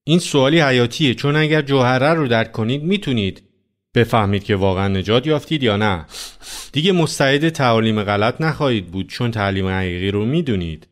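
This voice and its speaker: A man's voice: medium pitch, expressive. A man preaching a sermon as a pastor, talking conversationally and putting many rhetorical questions to his listeners.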